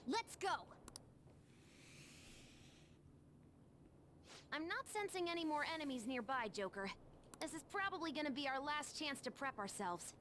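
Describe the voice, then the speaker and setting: A woman's voice: sits high, very animated, brisk, fairly bright tone, slight background noise. A woman playing a bold young ally in a video game, speaking in a defiant, spirited way. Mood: urging.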